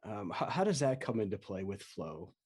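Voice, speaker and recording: A man's voice: fairly low pitch, sing-song, moderate pace, a little mellow, slightly rough. A man hosting a podcast interview, asking questions hesitantly and searching for his words. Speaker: podcast host.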